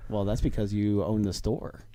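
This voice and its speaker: A man's voice: on the low side, level tone, normal speed, dark tone. Laughing man telling game stories. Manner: storytelling, laughs often. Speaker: podcast host. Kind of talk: casual chat.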